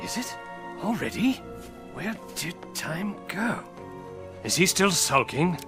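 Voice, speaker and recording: Mad Hatter, wildly swinging pitch. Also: male voice, big pitch swings, takes it slowly, over music, exaggerated voice. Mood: wistful, musing. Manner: theatrical, erratic swings between hush and exclamation. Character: eccentric madcap Hatter, whimsical, excitable lunatic. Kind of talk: video game cutscene acting.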